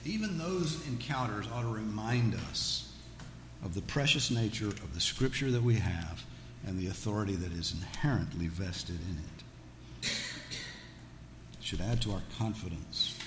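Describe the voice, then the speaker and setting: Here a Bible teacher speaks in a lowish, animated, unhurried voice. His scripture teaching is conversational and folksy, sprinkled with jokes, and includes questions from the audience gathered in a large, echoey room. The recording has an echoey hall sound with background noise.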